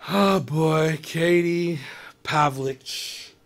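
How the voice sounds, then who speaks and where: A man's voice: on the high side, extremely slow. A comedian hosting a live web show, riffing on news stories and talking straight to his viewers in a casual, exasperated way.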